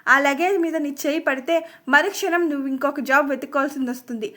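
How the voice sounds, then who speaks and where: A woman's voice: sits high, quick pace, pushed and bright. A woman voicing an angry, possessive young husband in a dramatic storybook reading, talking in a commanding, threatening way. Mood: angry, pleading.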